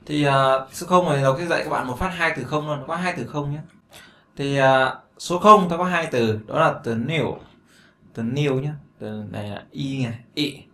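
A man's voice: medium pitch, moderate pace, pushed and bright. A man with a Vietnamese accent teaching a beginner English lesson, chatty, repeating words often and breaking in with fillers and asides. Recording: echoey room with faint noise.

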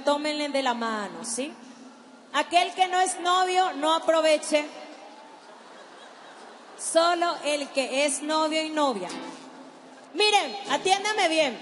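A woman from Paraguay preaches testimony and prayer at a youth event, her high voice echoing with the long reverb of a large hall while music plays clearly behind her. She is emphatic, directs the crowd, and slows her words for dramatic effect before a live audience.

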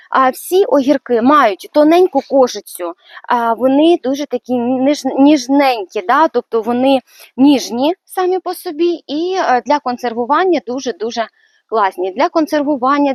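A woman's voice: high-pitched, dry recording. A woman giving a casual walkthrough of her vegetable garden, chatty and a little hesitant, with many fillers. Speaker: gardening vlogger.

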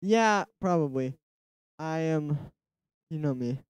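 Talking slowly at a fairly high pitch, a music producer streams from his home studio, musing casually and responding to chat as he works on a track. His nasal voice comes through clean with no room sound, though loud electronic music plays underneath.

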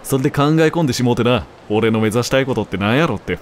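A man's voice: mid-range voice, very fast, slight background noise, close to an everyday voice. A man voicing a hot-blooded young male comedian, raising his voice and imitating Kansai dialect. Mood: earnest.

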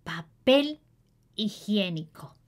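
A woman's voice: mid-range voice, expressive, drawn-out words. A woman voicing a caring, busy mother who gives instructions to her children. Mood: fussing. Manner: gently instructing, then exclaiming.

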